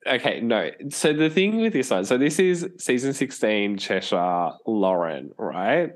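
A man's voice: medium pitch, sing-song, a little slow. Chatty young man podcast co-host. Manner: chatty, cracks himself up, rambling with "like". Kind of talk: casual chat.

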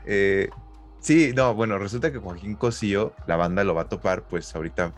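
A man's voice: fairly low pitch, normal speed, soft background music. A Mexican man co-hosting a podcast in casual, slangy, jokey conversation. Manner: jokey, informal. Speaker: podcast co-host.

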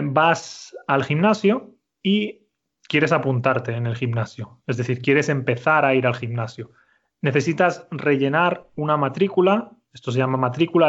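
A man teaching a Spanish lesson, speaking slowly and clearly and repeating his student's answers. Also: medium pitch, dull audio. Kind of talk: conversational language lesson.

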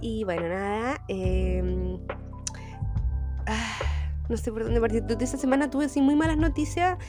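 Animated Chilean woman telling stories. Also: measured pace, over music. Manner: animated, acts out quoted people in sudden high voices. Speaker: podcast co-host. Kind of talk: casual storytelling chat.

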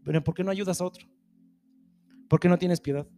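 Emphatic high-voiced preacher. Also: male voice, steady tone, brisk, mellow, soft background music. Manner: emphatic, rhetorical questions, call-and-response. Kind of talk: sermon.

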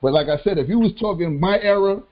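A middle-aged man co-hosting a podcast, talking in easy casual chat. He is laid-back, circles back over his own phrases and drops in a lot of yeahs. His voice sits a little high for a man, and the recording sounds dull and lo-fi. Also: animated, fast. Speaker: podcast co-host.

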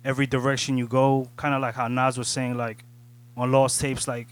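A man's voice: medium pitch, level tone, a little fast. A man co-hosting a casual podcast chat, talking in a reflective way and often asking "you know what I'm saying". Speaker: podcast co-host.

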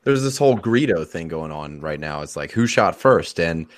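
A man with a very low voice chats in a rambling, jokey way on a hockey podcast. The sound is dry and close, with no room echo. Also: lively intonation, normal speed. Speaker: podcast co-host. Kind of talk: casual sports chat.

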